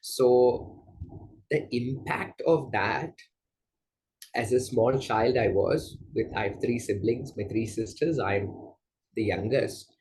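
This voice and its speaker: A man from Malaysia, a yoga teacher, answering interview questions in a gentle, unhurried way with soft fillers. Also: mid-range voice, slight background noise, poor audio. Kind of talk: casual interview conversation.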